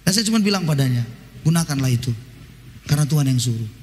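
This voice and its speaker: High-voiced pastor. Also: male voice, animated, quick pace, a little mellow. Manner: storytelling, acts out dialogue in his anecdotes. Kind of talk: sermon. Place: church service. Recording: long church reverb.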